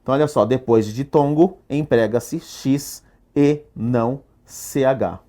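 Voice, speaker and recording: A man with a Brazilian Portuguese accent teaching a recorded exam-prep lesson. He stresses each rule slowly and keeps checking in with "perfeito?". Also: medium pitch, dark tone. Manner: drills rules with rhetorical questions, asks "perfeito?" often; slow, stressed delivery when stating rules.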